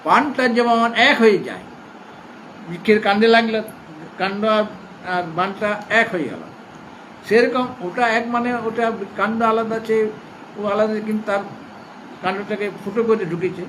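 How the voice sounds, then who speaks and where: A man teaching a scripture class at an ashram, explaining patiently, rephrasing and repeating points, and reciting verses slowly in a chanting cadence. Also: high voice, a bit bright, slight background noise, rough recording. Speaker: spiritual teacher. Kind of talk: scripture lecture to students.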